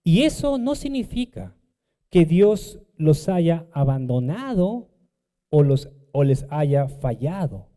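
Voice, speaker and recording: A man's voice: fairly high pitch, very animated, takes it slowly, warm tone, long reverb tail. A man preaching a sermon as pastor, reading scripture and then retelling it with emphatic rises. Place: church.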